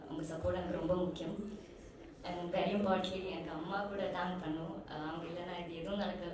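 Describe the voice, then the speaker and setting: A young actress giving a thank-you speech on stage, mixing Tamil and English and running through a list of names with fillers. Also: female voice, fairly low pitch, fairly quick. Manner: flat and steady, listing names with fillers. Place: large event hall. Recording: echoey hall from far off with crowd.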